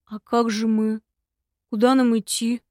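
A gloomy long-eared male imp who grumbles and sighs through every reply, as a woman reads him in an audiobook. The voice sits fairly high, recorded dry and close with no room sound. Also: little pitch movement, unhurried, darkish tone, no room sound, close to an everyday voice. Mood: worried. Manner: grumbling, sighing. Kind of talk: audiobook reading.

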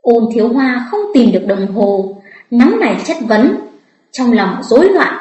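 A woman reads a story aloud with lively expression. Her voice sits fairly high. The recording has a roomy echo around it. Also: measured pace. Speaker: audiobook narrator. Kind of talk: storytelling audiobook narration.

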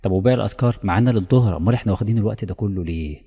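A man with an Egyptian accent giving a religious lesson in lively storytelling style, acting out little dialogues. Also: fairly low pitch, very fast, husky. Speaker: preacher. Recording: long hall reverb.

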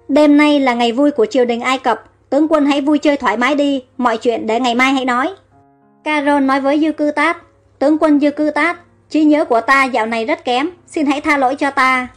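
Woman reading a story out loud, high voice, soft music under it. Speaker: audiobook narrator. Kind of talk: storybook narration reading all the parts. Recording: faint background music.

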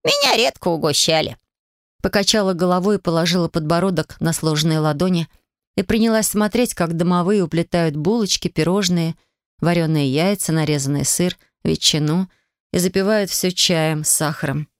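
A woman narrating a fantasy audiobook in a gentle, friendly storytelling voice. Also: on the low side, normal speed, dry recording, clean studio sound. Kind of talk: scripted narration.

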